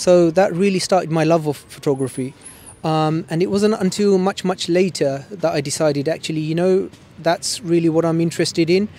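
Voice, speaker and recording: A man's voice: on the high side, fast, darkish tone. A man in his forties from Bangladesh, raised in East London, speaking with a London accent tinged with Sylheti Bengali in a news interview, hesitant, with many ums, and slipping between English and Sylheti. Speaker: photographer.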